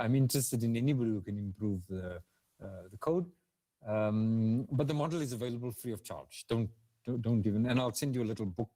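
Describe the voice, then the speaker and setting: A man's voice: medium pitch, mellow. A man with a South African English accent giving a webinar lecture and answering questions, hesitant, with many fillers and restarts. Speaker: guest speaker.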